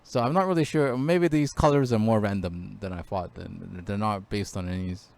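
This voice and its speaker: A man's voice: lowish voice, normal speed, gravelly, a little mellow. A man teaching a casual screen-share language lesson, hesitant, with many fillers and restarts.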